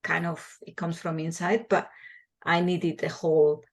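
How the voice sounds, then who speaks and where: Her voice is lowish, level and a little slow. She is a woman from Spain in her forties, a midwife with a Spanish accent, who responds to interview questions with earnest passion and frequent restarts.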